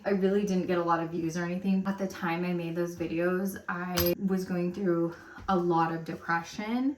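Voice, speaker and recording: A woman in her thirties talks through a relaxed get-ready-with-me chat, rambling and full of fillers. Her voice sits a little low, and the room rings around her. The mic is some way off, with a faint hiss behind. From Romania, raised in America. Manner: chatty, rambling, lots of "like". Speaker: lifestyle vlogger. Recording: roomy echo, mic at a distance.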